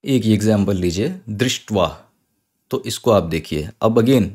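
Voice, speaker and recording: A man teaching an online Sanskrit lesson, patiently spelling words out slowly, sound by sound. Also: on the low side, expressive, a little mellow.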